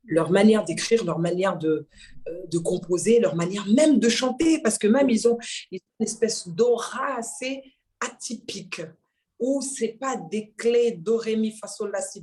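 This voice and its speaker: A woman from Mayotte recounts her singing career in a relaxed interview. She talks with bursts of laughter and acts out the voices of the people she quotes. Her pitch is of middle height for a woman. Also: measured pace. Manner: lively, laughing, acts out dialogue. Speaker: guest singer. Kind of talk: casual storytelling interview.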